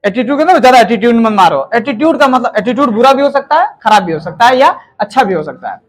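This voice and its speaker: A man with an extremely high, lively voice talks fast while teaching grammar in a chatty classroom manner. He checks in with his listeners often and acts out example sentences in different tones.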